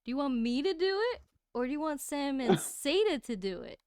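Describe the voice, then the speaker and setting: High-pitched woman chatting on her stream, giggly and animated, dry close mic sound. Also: brisk, no echo. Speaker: streamer host. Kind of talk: casual chat.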